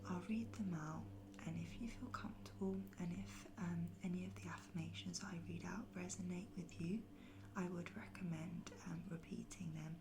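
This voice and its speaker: A woman softly whispering an ASMR guided pep talk of affirmations in a gentle, reassuring, unhurried and breathy way. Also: fairly low pitch, steady tone, background noise. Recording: music behind the voice. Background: music.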